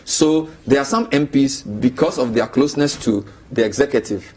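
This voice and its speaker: A Ghanaian man debating on a live TV panel, pressing his case and reeling off names at speed. His voice sits at an ordinary middle pitch. He sounds close to a lapel mic in a studio. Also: a little mellow. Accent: Ghanaian English. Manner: argumentative, lists names quickly. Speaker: political analyst. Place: TV studio with city view.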